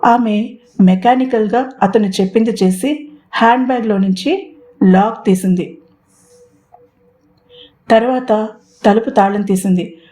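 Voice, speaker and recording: Woman reading a love story out loud, warm dark voice, expressive. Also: medium pitch, unhurried, long pauses. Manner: expressive storytelling, mixing in English words. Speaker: narrator. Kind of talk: audio story narration.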